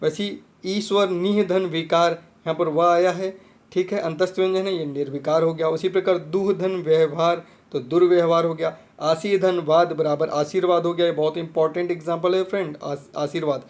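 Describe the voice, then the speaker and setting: Male tutor with a high voice, patient and repetitive, explaining grammar for exam prep. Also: fairly even intonation, moderate pace, darkish tone. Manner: repetitive, checks understanding with "theek hai friend". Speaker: teacher.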